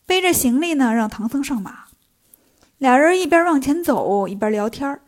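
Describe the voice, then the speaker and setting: A woman telling a comic story in a lively way, with playful asides. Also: sits high, normal speed. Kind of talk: comic children's story narration.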